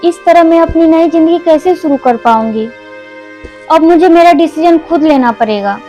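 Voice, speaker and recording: Young woman, fed-up daughter in a family soap, high voice, earnest and firm, faint music under it, as an actress plays her. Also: moderate pace, warm tone. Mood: worried. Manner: earnest, pleading then resolute. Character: young woman back at her mother's home, determined. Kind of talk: Hindi family drama acting.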